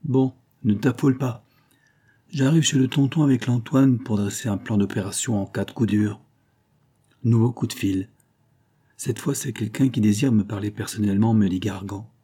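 Brief: male audiobook reader, first-person crime story, dark husky tone. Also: fairly low pitch, steady tone, normal speed. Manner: colloquial, wry slangy delivery. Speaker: audiobook narrator.

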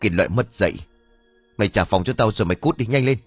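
A man's voice: medium pitch, lively intonation, fast, slightly rough, no echo, faint music behind, pitched above the performer's own voice. A man voicing a quarrelsome older landlady, hurling insults. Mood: angry scolding.

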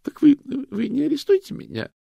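A man voicing a frightened female fortune-teller suspect who stammers and pleads in a shrill voice. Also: sing-song, brisk, creaky, darkish tone, no room sound, clean studio sound. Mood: anxious pleading.

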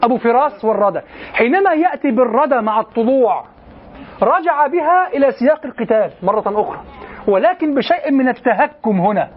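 High-voiced man lecturing a class. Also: expressive, fast talker, breathy edge, phone-quality sound. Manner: explanatory, often checks understanding with questions. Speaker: teacher. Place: lecture room at an institute.

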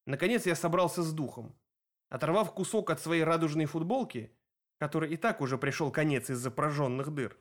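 Man, audiobook narrator, high voice, very lively intonation, first-person narration. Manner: lively, expressive reading.

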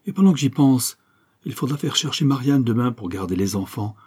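A man's voice: mid-range voice, animated, brisk, darkish tone, breathy edge, pitched above the performer's own voice. A man voicing a harsh, bullying middle-aged husband who growls and hammers his words. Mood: menacing.

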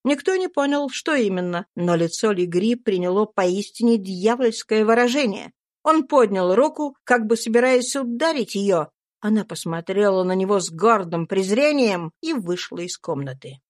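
Woman reading an audiobook, steady measured storytelling, dry close sound. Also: mid-range voice, dry recording. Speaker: audiobook narrator. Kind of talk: scripted literary narration.

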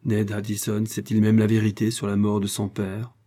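A man's voice: lowish voice, completely flat delivery, moderate pace, warm tone, natural voice. A man reading aloud, voicing an earnest young male inventor who speaks with heartfelt emotion. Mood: worried.

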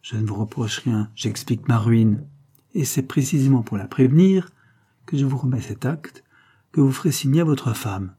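Reading an audiobook at normal speed, a man takes on the role of a cold, mocking creole woman who is scornful, domineering and commanding. His mid-range voice is warm and breathy, pitched above his own voice yet close to an everyday sound.

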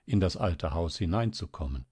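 A man's voice: deep voice, moderate pace. A man doing a firm, kindly old-time doctor. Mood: gentle. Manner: calm, reassuring yet stern.

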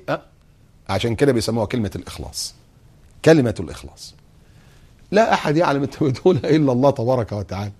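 Fast-talking Egyptian preacher. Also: male voice, mid-range voice, husky. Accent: Egyptian Arabic. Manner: animated, acts out scenes and recites slowly. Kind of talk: religious TV lesson. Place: TV studio.

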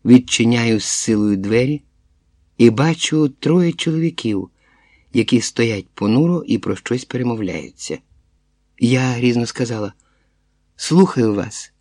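Dark-voiced male audiobook narrator. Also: mid-range voice, measured pace, no echo. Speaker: audiobook reader. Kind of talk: literary narration.

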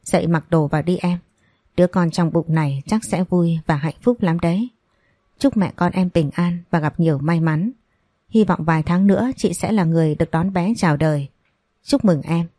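A woman voicing a kind female doctor who speaks softly and reassuringly, in a storybook reading. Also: fairly low pitch, moderate pace, dry recording, studio quality, lightly acted. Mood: gentle. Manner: soft, reassuring. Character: gentle kindly female doctor.

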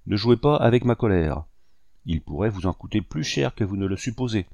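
A man's voice: lowish voice, expressive, brisk, creaky, darkish tone, dry recording. A man reading an audiobook voices a proud rebel commander who speaks with haughty, restrained menace. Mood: stern.

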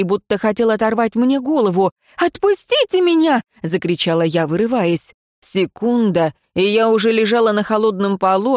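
A woman reading a first-person fantasy story in a calm, measured narration. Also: medium pitch, no echo, studio quality. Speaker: audiobook narrator.

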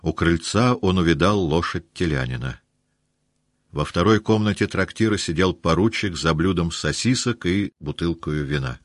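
A man narrating a classic novel as an audiobook in a measured, even storytelling manner. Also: low-pitched, no room sound, clean studio sound. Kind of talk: literary audiobook reading.

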